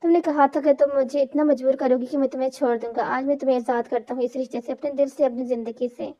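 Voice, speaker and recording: A woman's voice: high voice, fairly even intonation, fast talker, warm tone, close to an everyday voice. A woman voicing a young man who gives up in bitter resignation in an audiobook reading. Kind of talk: reading an Urdu romance novel aloud. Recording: dull lo-fi recording.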